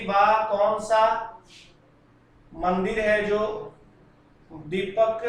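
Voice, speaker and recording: A man's voice: high-pitched, recorded from a distance. A man teaching a live online class, answering students' comments in a chatty, fatherly way. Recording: very echoey room, voice from away from the mic.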